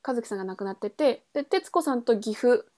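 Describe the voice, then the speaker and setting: The host, a woman, has a somewhat high, warm voice and an animated, quick delivery. She chats informally about a novel she's introducing on her podcast, musing out loud and correcting herself.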